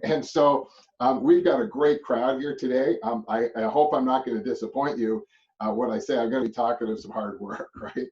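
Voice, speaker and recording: A middle-aged man from Canada coaches real estate agents in a loose, rambling way and keeps tagging "right?" onto his points. His voice is dark and mellow. He sits back from a dull-sounding mic. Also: mid-range voice, fairly even intonation, normal speed. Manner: rambling, repeats "right?", chuckles often. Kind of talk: motivational presentation. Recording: distant muffled mic.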